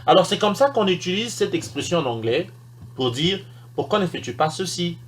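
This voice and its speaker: A lively, high-voiced man teaches English in a recorded language lesson. He explains slowly and repeats English example sentences with emphasis.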